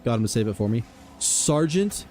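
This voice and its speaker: A man livestreaming games, chatting casually with viewers and telling stories in an animated, slangy way. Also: mid-range voice, moderate pace. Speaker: gaming livestreamer.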